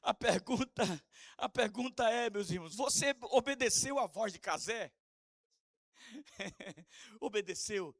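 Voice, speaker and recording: High-voiced Brazilian man preaching with fervor. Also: animated, slow pace, long pauses, dry recording, clean studio sound. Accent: Brazilian Portuguese. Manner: swings from soft asides to shouted emphasis; sing-song preaching cadence with call-and-response questions. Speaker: apostle preaching. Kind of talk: sermon.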